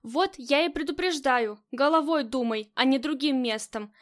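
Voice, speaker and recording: A woman reading as a rough, crude gangster man who talks bluntly in slang, in a high voice. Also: normal speed, close to an everyday voice. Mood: lecturing.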